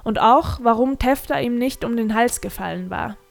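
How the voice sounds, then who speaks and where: A woman's voice: on the high side, normal speed, vocal fry. Woman narrating a fantasy story. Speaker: audiobook narrator.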